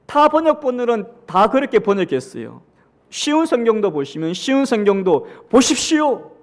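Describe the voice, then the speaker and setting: A male pastor with a Gyeongsang accent giving a sermon. He talks straight to the congregation, reads scripture aloud with them, and swings between loud, emphatic lines and hushed asides. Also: very high-pitched, very animated, normal speed. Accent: Gyeongsang Korean.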